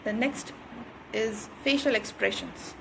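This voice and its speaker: A woman's voice: mid-range voice, slow, gravelly, noisy background. A woman giving an instructional talk on communication skills, repeating her points and checking in with "right?".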